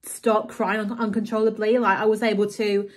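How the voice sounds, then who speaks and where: A woman's voice: mid-range voice, little pitch movement, normal speed. A woman talking casually at home into a handheld phone, rambling, with lots of "like" and "you know". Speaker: vlogger. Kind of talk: casual confessional vlog. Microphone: handheld phone camera.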